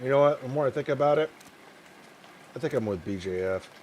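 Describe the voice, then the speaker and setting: A young man streaming a point-and-click game, chatting with his viewers in a tired, low-key, rambling way and reading game dialogue aloud in his own voice. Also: lively intonation, brisk, darkish tone, a little hiss or hum.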